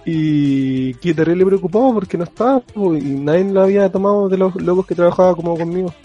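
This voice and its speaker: A man's voice: high voice, fairly quick, warm tone, dull audio, faint music behind. A young man with a Chilean accent telling a story in casual, slangy chat, often laughing as he talks.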